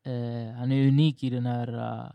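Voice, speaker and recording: A man from Stockholm hosting a casual podcast chat, laid-back and slangy, talking in quick bursts. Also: mid-range voice, level tone, gravelly, no echo, lo-fi sound. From Rinkeby, Stockholm, Sweden.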